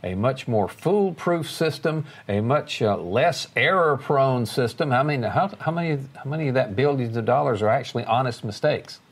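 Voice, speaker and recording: A man co-hosting a podcast, chatting casually with folksy joking asides. His voice is husky and sits at an average male pitch. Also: lively intonation, normal speed, few pauses. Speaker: podcast co-host. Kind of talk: casual chat.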